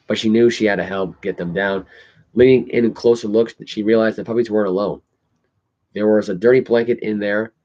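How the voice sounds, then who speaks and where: A man with a fairly low voice talks through news stories as a casual podcast host. He reads haltingly and trips over longer words, with loose articulation. The recording sounds dull and lo-fi. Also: darkish tone. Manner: halting, stumbles over words when reading. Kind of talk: casual news commentary, reading articles aloud. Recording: dull lo-fi audio.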